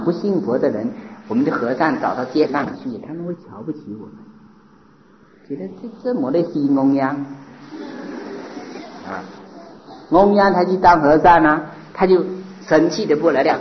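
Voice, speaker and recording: Animated man preaching a Buddhist sermon. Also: fairly high pitch, moderate pace, long pauses, a little hiss or hum. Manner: animated, rhetorical questions, mimics mockers. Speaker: Buddhist monk. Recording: dull lo-fi recording.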